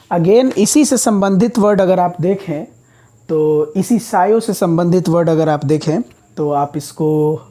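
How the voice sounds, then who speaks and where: A man's voice: high-pitched, warm tone. A man teaching English vocabulary as a classroom lecture, explaining words patiently, step by step.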